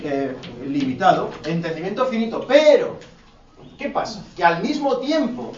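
Male philosophy teacher, Spain Spanish accent, higher voice. Rhetorical, colloquial, needles his students. Classroom echo, picked up from a distance. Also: a little hiss or hum. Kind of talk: classroom lecture. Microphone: distant room mic. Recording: echoey, dull classroom audio from far off.

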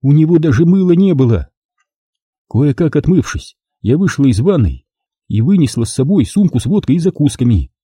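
A man reading a first-person story aloud, expressive and lively. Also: on the high side, normal speed, husky, no room sound, clean studio sound. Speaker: audiobook reader. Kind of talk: first-person audiobook narration.

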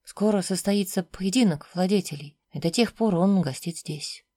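A stiff, dutiful guard who speaks formally and sounds strained, as a woman narrator reads him. The voice is pitched lower than the reader's own and has a dark, mellow tone. It is recorded dry and close. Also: moderate pace, no room sound, lightly acted. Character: stiff, respectful young male guard.

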